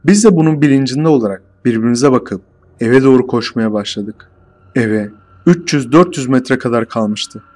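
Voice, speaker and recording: A man telling a first-person horror story in a steady, measured storytelling voice. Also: mid-range voice.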